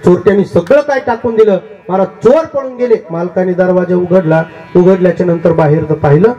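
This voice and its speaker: Male kirtan preacher, high-pitched and mellow, lively comic storyteller, live lo-fi sound. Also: brisk, faint music behind. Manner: lively, humorous storyteller, often addressing listeners as maharaj. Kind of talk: devotional kirtan sermon with folk storytelling. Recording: dull lo-fi live recording.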